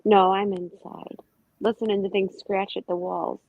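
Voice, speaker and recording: Speaking from home as a panel guest, this middle-aged woman chats on a live stream and wanders through her stories in a voice that sounds younger than she is. Her medium-pitched delivery is flat, creaky and moderately paced. She's recorded on a video-call computer mic, with phone-quality audio and no echo.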